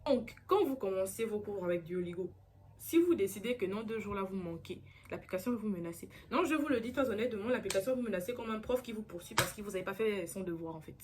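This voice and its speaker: A young woman talks straight to the camera in a relaxed vlog. She is earnest and chatty, circles back on her points and fills pauses often. Her voice sits at an ordinary middle pitch. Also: slight background noise. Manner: chatty, earnest, repeats herself with many fillers. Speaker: vlogger. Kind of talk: casual chat to camera.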